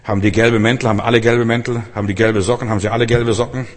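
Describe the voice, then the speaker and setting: Husky male preacher in echoing hall. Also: flat delivery, racing. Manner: emphatic, swings between loud outbursts and soft low passages; addresses listeners directly, often with rhetorical questions. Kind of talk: sermon. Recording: long hall reverb.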